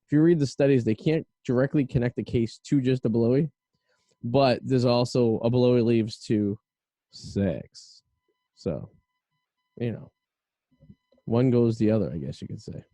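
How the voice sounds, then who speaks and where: A man's voice: medium pitch, measured pace, pauses often, warm tone, no room sound. A man hosting a show, bantering and interviewing a guest in a casual, conversational style. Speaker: podcast host.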